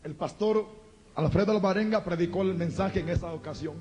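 A man's voice: sits high, brisk, faint music behind. A man from El Salvador with a Salvadoran Spanish accent, a former gang member giving an impassioned testimony from a church pulpit. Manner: impassioned, fervent preaching, bursts into shouting, speaks in tongues.

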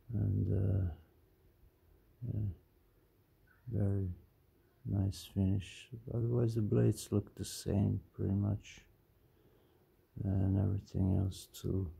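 Mumbling man with a gravelly dark voice. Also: sits low. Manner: mumbling, quiet and halting. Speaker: knife collector vlogger. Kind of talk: casual show-and-tell.

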